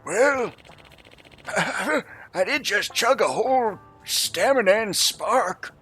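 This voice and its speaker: A man voicing a grumpy, excitable, spry old man in a video game, with old-timer exclamations. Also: sits high, slow, breathy edge, faint music behind, voice pushed up, exaggerated voice. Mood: grumpy, flustered.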